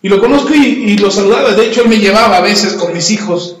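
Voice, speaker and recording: A pastor preaching a sermon and telling stories, often putting questions to the congregation. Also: male voice, high voice, fast talker. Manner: storytelling, asks the congregation questions. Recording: echoey hall, long reverb.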